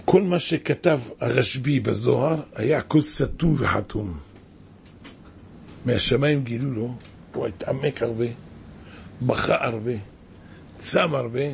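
A man's voice: mid-range voice, gravelly, long pauses, a little hiss or hum. A man preaching a sermon as a rabbi, impassioned and exclaiming, with many rhetorical questions.

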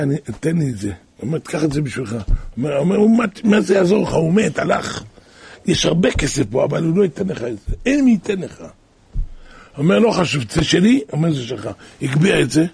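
Guy telling rabbi stories like a sermon, kinda high voice, super husky, keeps saying "he says". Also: a little mellow. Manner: repetitive "he says" storytelling, loose and colloquial. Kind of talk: spoken sermon retelling rabbinic tales.

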